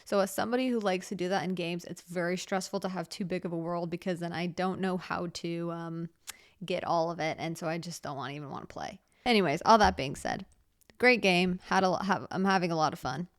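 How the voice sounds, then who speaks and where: A young woman hosting a casual solo podcast, chatting in a rambling way with many fillers and restarts, and trailing off softly when she turns reflective. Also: on the low side, brisk, no echo, clean studio sound. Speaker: podcast host.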